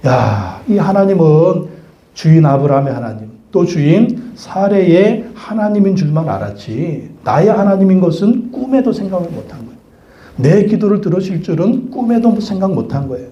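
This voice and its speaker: Lively storytelling male pastor. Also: high-pitched, normal speed, echoey room, highs cut off. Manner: colloquial, animated storytelling. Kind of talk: sermon.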